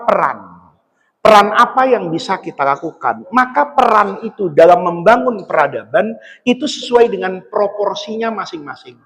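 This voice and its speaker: Animated male preacher in an echoing hall. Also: high-pitched. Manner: storytelling, animated, acts out dialogue in his telling. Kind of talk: dawn mosque sermon with a told story. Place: large mosque hall. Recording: long mosque hall reverb.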